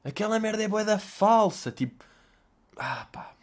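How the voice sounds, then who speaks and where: Young dude podcasting, slangy, curses a lot, fired up, voice a touch high. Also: male voice, unhurried. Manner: animated, swearing, slangy rants with laughs. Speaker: podcast host answering listener questions. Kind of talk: casual monologue.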